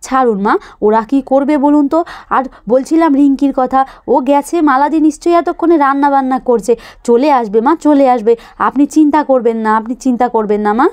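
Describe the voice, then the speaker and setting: A woman's voice: high voice, a little fast, darkish tone, lightly acted. A woman voicing a dutiful young daughter-in-law who soothes and pleads with her mother-in-law in a doll cartoon. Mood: soothing.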